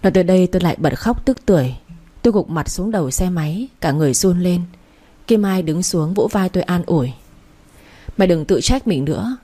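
A woman reading a first-person story aloud, steady and emotional. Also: lowish voice, fast talker. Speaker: narrator.

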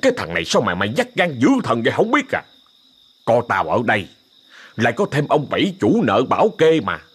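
A man playing a gruff, scolding exorcist. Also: mid-range voice, wildly swooping pitch, a little fast, fairly bright tone, heavily acted. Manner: brusque, scolding. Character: gruff stern male exorcist master.

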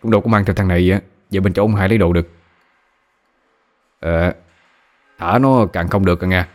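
A blunt, mocking bald thug, voiced by a male narrator in an audio story. His voice sits on the low side and stays matter-of-fact. Soft music runs behind him. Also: fairly quick, natural voice.

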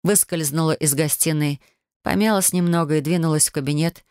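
Woman narrating a lively audiobook. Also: sits low, a little fast, clear, resonant tone, no echo, studio quality. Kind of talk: expressive first-person audiobook narration.

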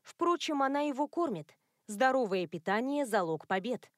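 A woman reading a novel aloud as an audiobook narrator, in an even, measured way. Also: high-pitched, no echo, studio quality. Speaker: audiobook reader. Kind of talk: scripted narration.

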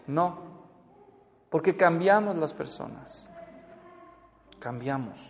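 Male speaker, high, animated seminar voice, dull lo-fi sound, long hall reverb. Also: slow. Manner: animated, jokey, acts out spouses' lines. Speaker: marriage counselor and speaker. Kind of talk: lively seminar talk with acted quotes.

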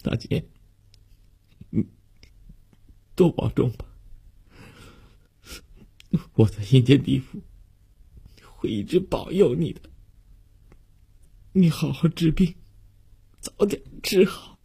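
A man's voice: deep voice, takes it slowly, creaky, pauses often, darkish tone, slightly rough, pitched above the performer's own voice, heavily acted. A man voicing the tearful ghost of a young man saying farewell in a told story, his words choked and broken.

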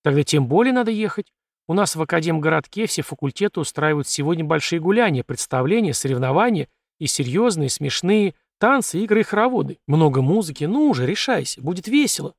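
A man voicing a lively, bold young woman who talks in a brisk, coaxing way. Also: a little high, no room sound, clean studio sound.

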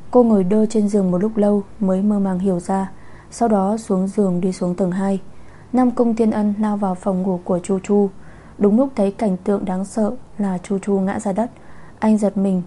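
A woman narrating a romance novel audiobook in a calm, even storytelling manner. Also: medium pitch.

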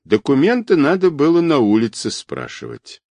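A man's voice: fairly high pitch, wildly swooping pitch, normal speed, gravelly, darkish tone, no echo, voice pushed up, exaggerated voice. A man doing a sneering, menacing fake captain. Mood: mocking. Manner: mocking, sarcastic, threatening. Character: cocky, menacing fake police captain, male.

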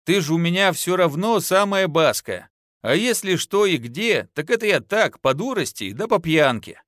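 A boastful, easygoing clerk husband with a folksy, coaxing way of talking, as a male narrator plays him. His lively, fairly high voice sits close and dry in the recording. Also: moderate pace, dry recording. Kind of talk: audiobook narration.

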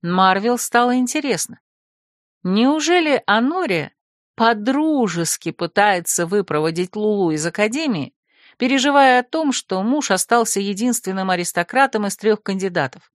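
A woman narrates a fantasy novel in a steady, measured voice at a middle pitch. The sound is dry and close, with no room echo. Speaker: audiobook narrator. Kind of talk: scripted narration.

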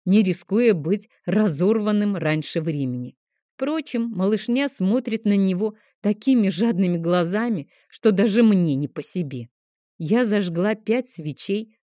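A woman narrating a first-person audiobook in a gentle, expressive storytelling manner. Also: mid-range voice, dry recording, studio quality.

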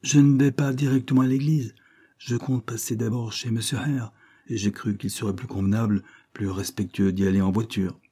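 A man's voice: fairly low pitch, fairly even intonation, normal speed, mellow, slightly rough. A man reading an audiobook, voicing a timid, deferential old law clerk in his sixties.

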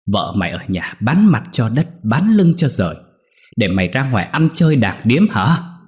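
A man's voice: on the low side, expressive, moderate pace, lightly acted. Man doing a scolding old village grandmother. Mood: furious. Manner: scolding, cursing, bossy. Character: sharp-tongued old village mother-in-law.

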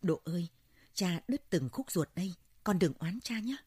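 Old sorrowful healer father in a folk tale, low and husky, as a woman narrator puts him on. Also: animated, fairly quick, a little mellow, dry recording, clean studio sound. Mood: muttering. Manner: sobbing, muttering. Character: old male village healer, grieving stern father.

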